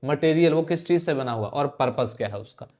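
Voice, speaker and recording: A man's voice: fairly high pitch, lively intonation, brisk, darkish tone. A young man teaching an exam-prep grammar lesson, conversational and teasing, firing rhetorical questions at his students.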